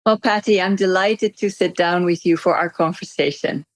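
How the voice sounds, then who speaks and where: A middle-aged Dutch woman, a native speaker from the Netherlands, answers interview questions as a physician guest. She speaks in articulate, measured phrases in a voice on the low side. The recording is dry.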